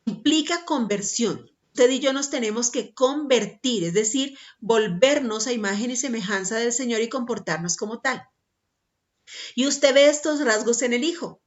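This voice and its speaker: A woman's voice: a little high, lively intonation, moderate pace, muffled recording. A woman preaching a sermon emphatically, repeating her points and checking in with the listener.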